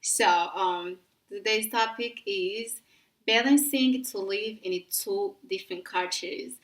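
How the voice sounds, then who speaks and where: A woman's voice: medium pitch, slow pace. Young female vlogger from East Africa, loose rambling delivery, set back from the mic in an echoey room. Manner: rambling, many restarts and fillers. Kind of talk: casual talk to camera. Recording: roomy sound from a distance.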